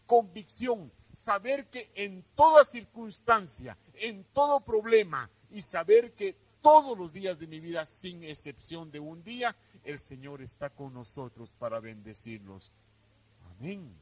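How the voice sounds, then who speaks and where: A man preaching a sermon, addressing his listeners as brothers and sisters, swinging between loud emphatic lines and softer ones. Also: sits high, animated, measured pace, no room sound, low-quality recording. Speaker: pastor.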